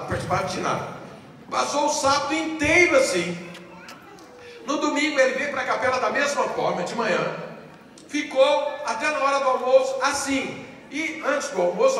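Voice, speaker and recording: A pastor with a high-pitched voice preaches to a live crowd, animated and repeating his key lines as he tells his story. His voice booms back off the walls of a big, echoey hall. The mic catches him from a distance, with a steady background hum. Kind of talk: sermon with personal storytelling. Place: large conference hall, live audience. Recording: echoey hall, voice from far off, ambient noise.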